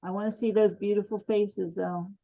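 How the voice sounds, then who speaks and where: A woman's voice: mid-range voice, steady tone, normal speed, gravelly, warm tone, low-quality recording. A woman teaching a college class online, calling roll and chatting in an informal, jokey way. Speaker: college instructor.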